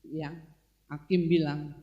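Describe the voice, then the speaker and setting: A woman's voice: low voice, level tone, slow pace, lo-fi sound. A woman pastor preaching a sermon, telling stories to her congregation in a chatty, conversational way and calling them "saudara". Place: church service.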